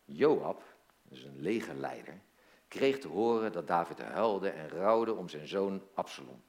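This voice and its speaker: Male pastor, sermon, storytelling, lowish voice, asks the listeners questions. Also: animated, a little slow. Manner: repeats words as he searches.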